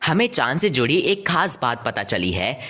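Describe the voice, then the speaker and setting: A woman voicing a frazzled, earnest male astronaut, flustered and explanatory, in an animated comedy dub. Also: a bass voice, normal speed, exaggerated voice. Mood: eager, explaining. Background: faint background music.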